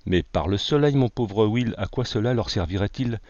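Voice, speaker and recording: A boastful, carefree artist who laughs off every danger, put on by a male reader. His voice sits low and swaggers along. The sound is dry and dull, like a lo-fi recording. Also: animated, moderate pace, darkish tone, dry recording, natural voice. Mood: dismissive. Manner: swaggering, jokey nonchalance.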